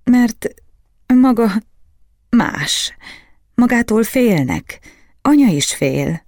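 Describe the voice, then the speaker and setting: A man voicing a small boy who speaks in halting, pleading phrases in an audiobook. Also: very high voice, very animated, darkish tone, no echo, clean studio sound, voice pushed up, exaggerated voice. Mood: earnest. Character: small boy, eager and timid.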